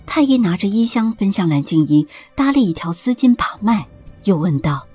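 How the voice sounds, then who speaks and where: A woman narrating a palace drama audiobook in a steady, expressive storytelling voice. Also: medium pitch, moderate pace, slightly rough, soft background music.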